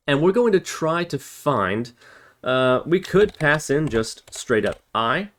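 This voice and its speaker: A man with a fairly bright, mid-range voice explains programming step by step in a casual tutorial. He talks through his thinking as he types and corrects himself, over a noisy recording full of typing and clicks.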